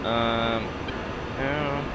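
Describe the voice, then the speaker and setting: A man's voice: medium pitch, extremely slow. A man giving casual gameplay commentary as a flight lead, muttering to himself and mixing in military brevity calls. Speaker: flight sim player and flight lead. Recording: noisy, steady vehicle-like drone behind.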